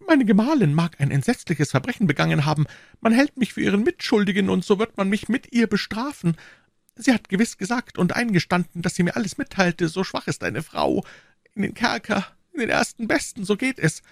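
A quavering, frightened shopkeeper in a storybook audiobook, played by a man who pushes his voice far above his own. The pitch jumps about as the figure begs and protests, and the dry, close recording keeps every tremor plain. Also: sing-song, a little fast, vocal fry, no echo, heavily acted. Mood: despairing. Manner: trembling, pleading, high-pitched. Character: timid frightened middle-aged male shopkeeper under interrogation. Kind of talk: audiobook reading.

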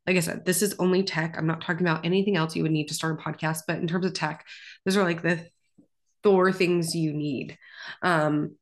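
A woman hosts her own podcast while fighting congestion, so her voice comes out a little stuffy. It sits on the lower side for a woman. She keeps the talk upbeat and casual, full of "like.". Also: fairly even intonation, fairly quick. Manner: upbeat, chatty, lots of "like". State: congested sick voice. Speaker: podcast host.

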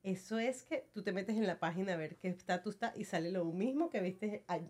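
A woman hosting a casual interview, asking her questions in a soft, measured way. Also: medium pitch. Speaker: interview host.

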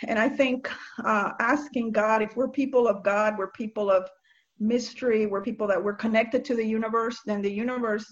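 Interview guest: woman from Nicaragua, slightly high pitch, earnest and halting, lo-fi, dull recording. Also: fairly even intonation. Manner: earnest, halting, with many restarts and soft laughs. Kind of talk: reflective spiritual conversation.

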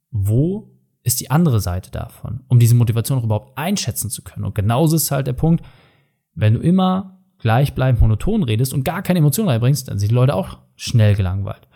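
A man's voice: mid-range voice, dark tone. A man who runs a company gives direct, emphatic speaking advice, talking to the listener informally like a coach. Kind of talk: motivational coaching talk.

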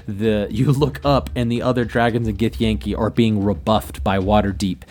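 A man's voice: fairly low pitch, fairly even intonation, moderate pace, darkish tone. A man acting as game master, improvising narration for a tabletop game.

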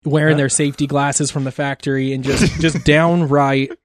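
A man guesting on a podcast, telling lively stories in casual chat. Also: on the high side, moderate pace, no room sound, studio quality. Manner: animated storyteller.

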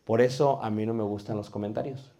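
Mexican man, preaching instructor, lively lecture style, peppers in rhetorical questions. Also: lowish voice, fairly quick. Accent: Mexican Spanish. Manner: animated, asks rhetorical questions, homely cooking comparisons.

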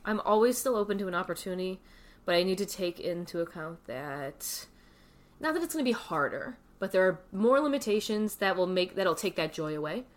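A woman's voice: on the low side, lively intonation, brisk. A woman in her thirties talking casually and reflectively as an interview guest, recorded indoors in a wooden cabin. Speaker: podcast guest. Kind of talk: casual, reflective personal chat.

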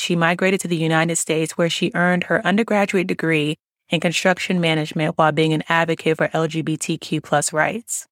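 A woman hosting a podcast, smoothly reading a guest introduction and then asking relaxed interview questions. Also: low-pitched, dry recording, studio quality. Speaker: podcast host.

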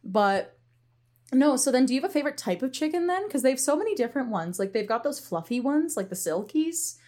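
A woman's voice: high-pitched, very animated, fairly quick, warm tone. A woman co-hosting a podcast in casual chat, talkative and giggly, with lots of "like". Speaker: podcast co-host.

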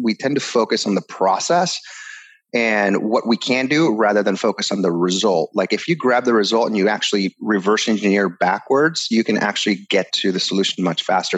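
Low-voiced man from Ecuador telling his story. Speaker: guest. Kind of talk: casual interview storytelling.

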